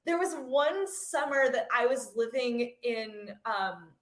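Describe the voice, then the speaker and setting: A woman's voice: on the high side, animated, slow pace. A woman guest on a podcast, chatting casually with lots of fillers and giggles. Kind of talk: casual chat. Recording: roomy echo.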